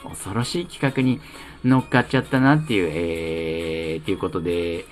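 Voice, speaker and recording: A man's voice: sits low, normal speed, faint music behind. A man from the Kanto region hosting his own solo talk show. He reads listener letters in a chatty, playful, self-mocking way. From Kanto region of Japan. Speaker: solo podcast host reading listener letters. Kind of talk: casual solo radio talk.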